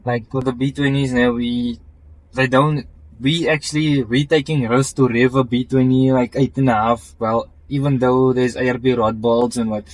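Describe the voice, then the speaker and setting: A man explains his car build in a casual interview. He talks haltingly, restarting sentences and filling gaps with "um" and "like", at an ordinary pitch for a man. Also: steady tone, rough recording. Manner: halting, full of restarts and fillers, technical.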